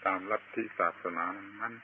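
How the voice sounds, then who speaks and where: A man preaching a Buddhist sermon, slow and deliberate, pausing often and stressing key words. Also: phone-quality sound, slight background noise. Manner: slow and deliberate, with long pauses and emphatic chanted words. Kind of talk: Dharma sermon.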